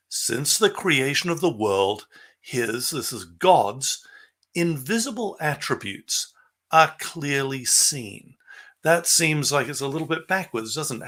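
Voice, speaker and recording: Slow, bright-voiced man presenting. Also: medium pitch. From Southeast Asia. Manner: earnest, measured explaining. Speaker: guest speaker, scientist. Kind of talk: church presentation with slides. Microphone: video call.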